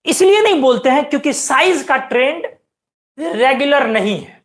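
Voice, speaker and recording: A woman with a fairly high voice teaches a chemistry class. She explains each step patiently. She keeps checking whether her students are following and tells them to watch closely. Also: animated, normal speed. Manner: explains step by step, asks students frequent questions; keeps urging students to pay attention. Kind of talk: classroom lecture.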